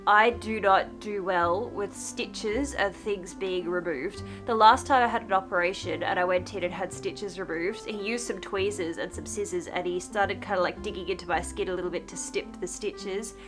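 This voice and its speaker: A woman's voice: mid-range voice, moderate pace, hardly any pauses, music in the background. Young woman vlogging with a blocked, congested nose. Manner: animated, candid storytelling with acted-out quotes. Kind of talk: casual vlog chat.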